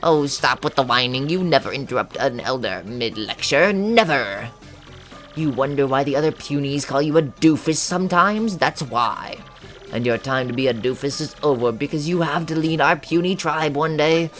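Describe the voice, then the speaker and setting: A man voicing a stern old woman elder who scolds and lectures in a gruff way in a video game. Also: a little high, normal speed, fairly bright tone, faint music behind, lightly acted. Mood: scolding.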